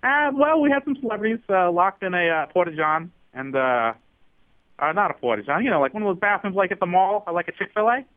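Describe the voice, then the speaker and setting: A man doing a shameless, fast-talking TV executive. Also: high voice, big pitch swings, dry recording, narrow, tinny audio. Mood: unbothered. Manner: blithe, unapologetic, hesitant with many uhs. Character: shameless male TV network executive. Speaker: comedy podcast guest character.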